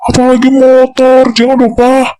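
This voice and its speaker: A man's voice: extremely high pitch, completely flat delivery, moderate pace, dark tone, slight background noise, voice pushed up. A man voicing a rebellious teenage boy who whines and begs in an amateur voice drama dub. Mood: pleading. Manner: whiny, begging.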